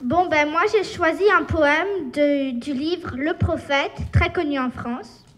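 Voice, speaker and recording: Slow, high-voiced woman reciting poetry. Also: crowd noise, background noise. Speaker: workshop participant. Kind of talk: reciting a poem aloud.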